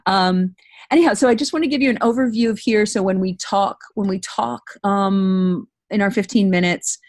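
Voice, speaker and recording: A woman with a medium-pitched, slightly mellow voice speaks at a normal pace while hosting an informal online voice-over training overview and Q&A. Encouraging and prone to emphatic repetition, she is heard in a dry, clean studio recording.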